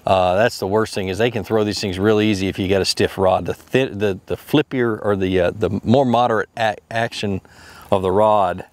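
A man's voice: lowish voice, steady tone, moderate pace, no room sound. A man in his thirties hosting a fishing video, casually explaining lures and rods from a boat on a lake, rambling with lots of fillers and restarts. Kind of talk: casual how-to narration while fishing.

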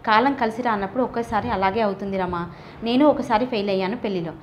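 A woman's voice: mid-range voice, fast talker, slight background noise, close to an everyday voice. A woman voicing a nervous, scheming young man who coaxes and pleads, in a storybook reading. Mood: persuasive. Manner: coaxing, flustered.

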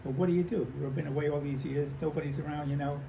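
An American man in his nineties, an old veteran remembering the past in halting, conversational stories, repeating himself and acting out remembered dialogue. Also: on the high side, steady tone, gravelly, mellow. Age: 90s. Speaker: war veteran interviewee. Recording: noisy handheld home recording.

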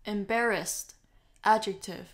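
A woman with an American accent reads English words and sentences at a very slow, measured pace. She says each phrase twice, carefully, as a model for learners to copy. Her pitch sits in a middle range. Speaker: English teacher giving model readings.

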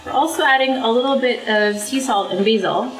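In a home kitchen, a young woman gives a casual, chatty cooking demo and explains every step as she goes. She talks a little fast with a fairly high pitch. The audio sounds roomy, with faint background music.

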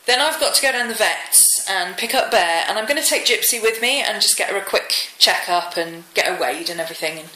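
A woman's voice: mid-range voice, animated, brisk, few pauses, sharp tone. A British woman in her thirties chatting casually in a home vlog, slightly wheezy from a cold. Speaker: vlogger. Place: rooms at home, indoors. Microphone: handheld phone or camera. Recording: echoey room, some noise and clicks.

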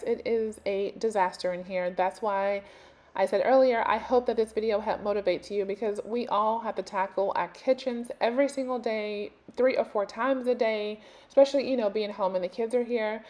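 A woman's voice: fairly high pitch, moderate pace, darkish tone. A woman in her thirties chatting casually to viewers as a home cleaning vlogger, talking them through her chores. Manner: chatty, addresses viewers directly. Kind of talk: casual voice-over chat.

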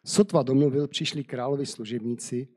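Man, preacher, sermon reading, husky, mellow, hesitant. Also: mid-range voice, steady tone. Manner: hesitant, with fillers when speaking freely.

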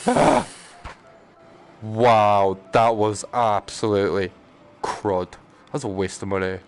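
A man streams a video game with excitable, casual commentary that's playful and full of swearing. His voice is fairly low, slow and smooth.

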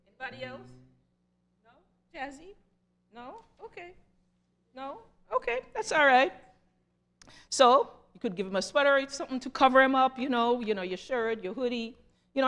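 A woman's voice: medium pitch, big-room sound. A woman giving a children's message in church, telling a story, asking the children questions and leading a prayer. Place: church sanctuary.

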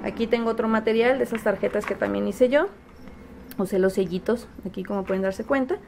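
A woman showing how she teaches her son to read at home, sounding out letters slowly and patiently with frequent fillers. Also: mid-range voice, fairly even intonation, vocal fry, noisy background. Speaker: homeschooling mother. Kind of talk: casual home teaching demonstration. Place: home, at a table.

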